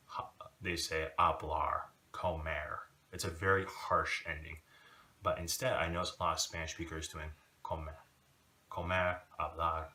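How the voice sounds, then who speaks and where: A man giving a casual video lesson, talking in a relaxed, rambling way with many fillers. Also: extremely low pitch, far from the mic. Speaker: language teacher.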